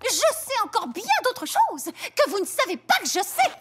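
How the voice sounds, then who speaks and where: Young female cartoon pony, squeaky high, bouncing intonation, excitable, impatient, exclamatory. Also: moderate pace, music in the background, heavily acted. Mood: eager. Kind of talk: animated cartoon dub.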